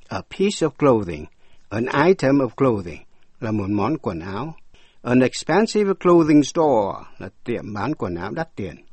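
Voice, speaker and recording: Husky man teaching English words slowly. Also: medium pitch, a little mellow, dry recording. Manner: spells words letter by letter, reads English examples slowly. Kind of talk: scripted vocabulary lesson.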